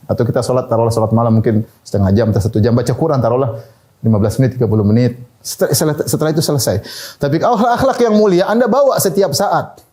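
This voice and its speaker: A man's voice: mid-range voice, rapid-fire, warm tone. A male preacher giving a conversational sermon, laughing at his own asides and acting out the people he quotes in short bits of voice. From Indonesia.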